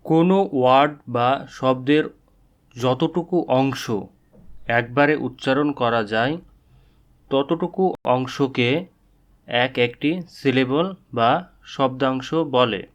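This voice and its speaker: Very slow man teaching English. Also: mid-range voice, lo-fi sound. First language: Bengali. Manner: spells words out letter by letter and repeats them slowly. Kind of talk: slow, drilled English lesson with repetition.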